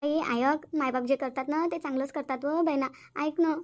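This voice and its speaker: A woman's voice: sits high, steady tone, normal speed, natural voice. A woman voicing a worried, weary village mother in a cartoon, scolding and fretting. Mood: exasperated. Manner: fretful, scolding, sighing complaints. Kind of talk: cartoon voice acting.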